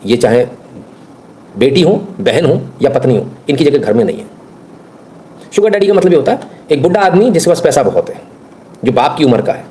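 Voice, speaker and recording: A man's voice: mid-range voice, sing-song, a little fast, long pauses, warm tone, a little hiss or hum. A man giving scornful, blunt reaction commentary on viral videos, ranting with mocking asides.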